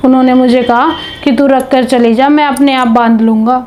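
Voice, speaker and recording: A woman's voice: high voice, fairly even intonation, moderate pace, darkish tone, slight background noise, natural voice. A woman playing a young, newly married daughter-in-law in a family drama. She talks to her mother-in-law in an earnest, chatty way. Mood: hurt. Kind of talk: scripted home video family drama. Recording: background music under dialogue.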